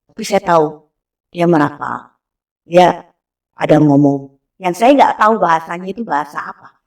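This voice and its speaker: A woman in her thirties telling a personal story in a casual, animated way, acting out the voices of people she quotes. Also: low voice, moderate pace, creaky. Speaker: interview guest. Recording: voice slightly distant from mic.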